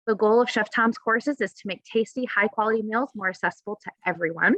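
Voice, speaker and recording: A woman's voice: mid-range voice, a little fast, a bit bright, no room sound, highs cut off. A woman hosting a webinar who politely reads a prepared introduction, with occasional fillers. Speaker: webinar host. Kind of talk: scripted introduction.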